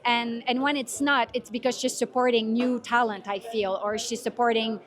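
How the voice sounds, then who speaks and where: Woman, slightly high pitch, red carpet interview chatter, gushing, admiring, halting phrasing. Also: steady tone. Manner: halting, searching for words, admiring.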